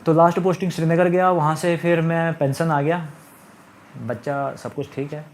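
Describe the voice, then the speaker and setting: Speaking at a normal speed, this middle-aged man tells the story of his marriage in a flat, somewhat high voice, with a little hiss or hum behind him. The monologue is casual and rambling, with an aggrieved tone and repeated phrases.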